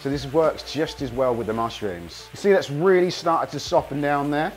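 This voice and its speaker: A man hosting a casual cooking demonstration, hoarse from a cold, chatting enthusiastically to viewers as he cooks. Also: fairly high pitch, moderate pace, faint music behind. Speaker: cooking show host.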